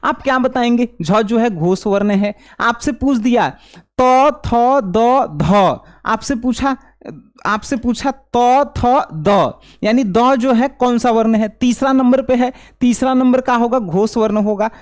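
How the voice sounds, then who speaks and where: A man's voice: extremely high pitch, slow pace. A young man teaches an exam-prep grammar class. He repeats each rule and keeps asking the students if they understood.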